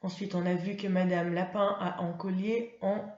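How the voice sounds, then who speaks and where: A woman's voice: lowish voice, little pitch movement, normal speed, darkish tone, roomy sound, highs cut off. A woman primary school teacher giving a lesson to young children, patiently spelling out words.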